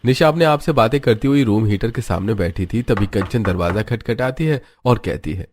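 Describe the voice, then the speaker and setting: A man reading scripted story narration, steady and even. His voice sits on the low side. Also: normal speed, slight background noise.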